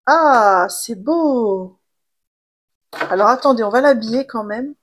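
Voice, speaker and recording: Woman, tarot reader, higher-pitched, gentle and chatty, casual guidance tone. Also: animated, takes it slowly, slight background noise. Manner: gentle, chatty, many fillers and restarts. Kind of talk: casual spiritual card reading.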